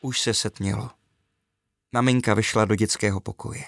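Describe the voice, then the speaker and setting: A man narrating a children's story aloud with an even storytelling delivery. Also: lowish voice.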